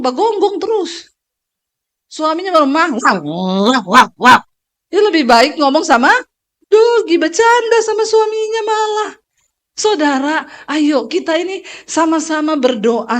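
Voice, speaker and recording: Woman pastor, high voice, lively joking sermon, talks straight to the congregation, church service. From Indonesia. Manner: preaching with sung passages.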